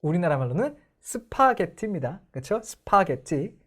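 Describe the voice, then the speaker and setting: A young woman gives an online lesson on English pronunciation. Her voice sits a little low, yet her pitch moves widely and expressively. She keeps turning to the viewers with questions. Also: sing-song, moderate pace. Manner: explanatory, asks the viewers questions. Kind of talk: online lecture.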